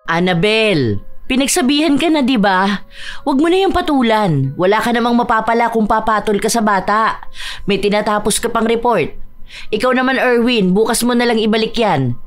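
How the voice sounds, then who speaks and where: A woman voicing a calm, motherly female coworker who settles quarrels firmly and kindly. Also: fairly high pitch, normal speed, natural voice. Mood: scolding. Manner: firm, soothing peacemaker.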